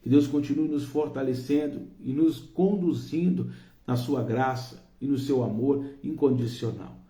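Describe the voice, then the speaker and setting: A Brazilian pastor leads a fervent, rhythmic prayer on a live stream, naming his flock one by one. His man's voice is deeply mellow and dark at a middle pitch. It rings with the echo of a bare room. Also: measured pace. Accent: Brazilian Portuguese. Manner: fervent, rhythmic intercessory prayer listing names.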